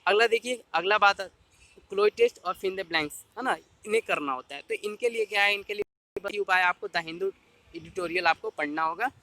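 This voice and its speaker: A man's voice: high voice, normal speed, sharp tone, no echo. A man tutoring exam students in a casual explainer style, repeating points and addressing the viewer directly.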